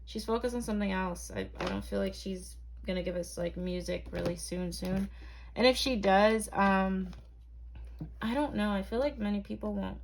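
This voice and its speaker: A woman's voice: medium pitch, moderate pace, gravelly, slight background noise. A young woman from Barbados, reading tarot cards to camera in a chatty, hesitant way full of ums and likes. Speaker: tarot reader.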